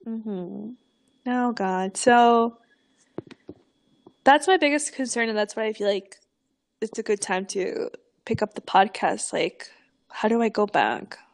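A young woman chats on a podcast with a somewhat high voice, bursting into laughter and swearing as she tells her story. Her delivery is animated, with many acted-out quotes. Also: takes it slowly, creaky, long pauses. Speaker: podcast co-host. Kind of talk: casual podcast chat.

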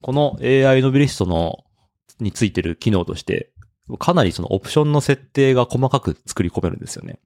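A man's voice: mid-range voice, animated, a little fast, darkish tone, dry recording, studio quality. A man co-hosting a podcast, explaining things eagerly in casual chat and laughing often. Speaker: podcast co-host.

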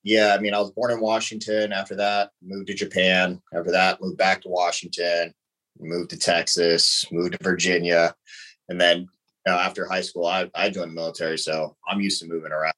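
A man's voice: sits low, little pitch movement, moderate pace, bright, forceful tone, low-quality recording. A man in his thirties from the United States, a podcast guest talking casually and laughing lightly between answers. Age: 30s. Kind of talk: casual conversation.

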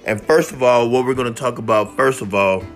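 A man hosting a mock talk-radio show, ranting excitably and repeating himself with lots of "like.". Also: mid-range voice, fairly quick, soft background music. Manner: excitable, repetitive, peppered with "like". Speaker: host of a homemade radio-style show.

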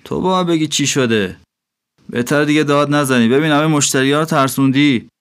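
A man's voice: medium pitch, voice pushed up, lightly acted. A man voicing a scornful middle-aged innkeeper who scolds and mocks. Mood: mocking. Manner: mocking, scolding.

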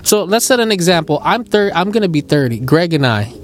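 A man's voice: a little high, big pitch swings, a little fast, soft background music. A man around thirty hosting a casual podcast chat, teasing his friends and swearing freely. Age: 30s. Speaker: podcast host.

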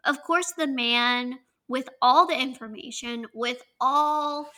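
A woman in her twenties with a Southern accent, co-hosting a podcast in casual chat, chatty and quick to laugh. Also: high-pitched, pushed and bright, poor audio. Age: 20s. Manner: chatty, laughs often, draws out words. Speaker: podcast co-host.

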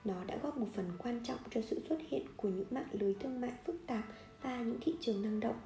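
A woman reading a nonfiction book aloud in a steady, measured way, now and then correcting a slip. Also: on the high side, roomy sound, soft background music. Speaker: audiobook reader.

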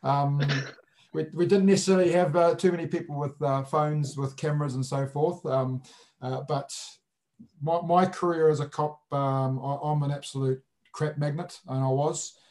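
A man's voice: on the high side, steady tone, moderate pace, a little mellow. A man with a broad New Zealand accent chatting casually as an interview guest, blunt and jokey with colloquial turns of phrase. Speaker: sports referee, interview guest.

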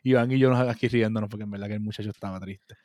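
A man with a Puerto Rican accent co-hosting a casual chat, telling stories fast and playfully defending himself in banter. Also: lowish voice, fairly even intonation, darkish tone, no room sound. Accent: Puerto Rican Spanish. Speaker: podcast co-host.

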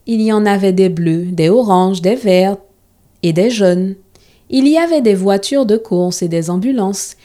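A woman reading a children's story aloud in a calm, measured storytelling manner. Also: mid-range voice.

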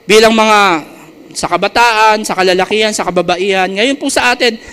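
A man's voice: high voice, normal speed, fairly bright tone, smooth. A man preaching a sermon to a congregation, stretching key words and often asking the listeners questions. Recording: reverberant hall.

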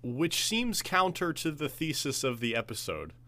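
A man's voice: on the high side, sing-song, normal speed, bright, forceful tone, no echo. A young man co-hosting a casual podcast, dropping dry, wry asides as he discusses an episode. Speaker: podcast co-host. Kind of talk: casual chat reviewing an audio drama episode.

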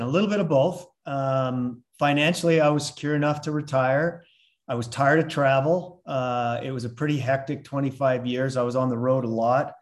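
An older man from Canada, a retired consultant turned coach, talking reflectively in a relaxed interview with many "uh"s and restarts. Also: medium pitch. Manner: reflective, with frequent fillers and restarts. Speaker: podcast guest, coach. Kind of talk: casual interview chat.

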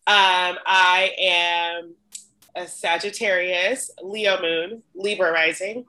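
A woman's voice: fairly low pitch, fairly even intonation, takes it slowly, pushed and bright, low-quality recording. A young woman co-hosting a casual podcast chat, playful and teasing, with plenty of "um"s. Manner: playful, teasing, many ums. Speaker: podcast co-host.

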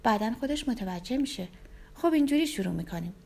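A sly, manipulative young woman, voiced by a woman reading a storybook talks in a soft, flattering, gently coaxing tone. Her voice sits raised and light, with a mellow, dark colour underneath. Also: on the high side, gravelly. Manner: gentle like a careful kind nurse.

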